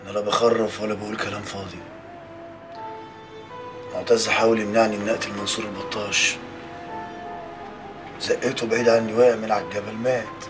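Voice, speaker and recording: Actor playing a despairing Egyptian son, low voice, fast, distant, music underneath. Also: male voice, little pitch movement, natural voice. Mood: anguished. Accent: Egyptian Arabic. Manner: despairing, anguished. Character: guilt-stricken police officer son. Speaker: grieving son. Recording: distant TV drama audio with score.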